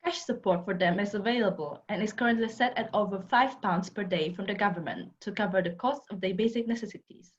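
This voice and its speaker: A woman's voice: mid-range voice, a little fast, hardly any pauses. A woman who is a student presenter, reading a prepared script for a presentation. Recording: dull lo-fi recording.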